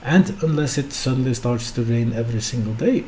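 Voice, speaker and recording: A brisk, medium-pitched man with a darkish tone, from Norway and not a native English speaker, hosts his stock market podcast on his own. His talk is unscripted and full of hesitations, fillers, and rhetorical questions directed at listeners, with slight background noise present.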